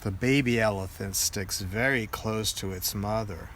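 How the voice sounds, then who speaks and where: Older man, grandpa voice, unhurried pace, children's book read-aloud, faint background noise. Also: lowish voice, fairly bright tone. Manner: grandpa voice, deliberate storytelling. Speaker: storybook reader, grandfather.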